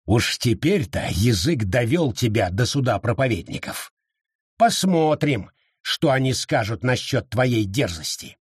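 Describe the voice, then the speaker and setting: A man voicing a gruff, domineering older brother in an audiobook, speaking harshly and with scorn. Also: fairly high pitch, very animated, slow pace, no echo, clean studio sound, exaggerated voice. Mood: threatening. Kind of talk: audiobook reading.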